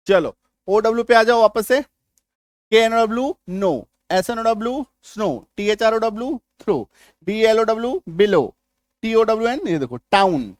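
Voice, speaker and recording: A man's voice: sits high, darkish tone, no room sound, studio quality. A man with an Indian accent teaching English spelling rules in a lesson. He drills words, repeats himself and keeps checking whether learners understood. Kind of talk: spoken lesson.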